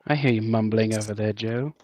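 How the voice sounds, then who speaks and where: A man's voice: fairly low pitch, steady tone, brisk, dark tone, dry recording. A man playing a tabletop game, speaking in character in a playful, boastful way. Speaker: player. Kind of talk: in-character tabletop role-play.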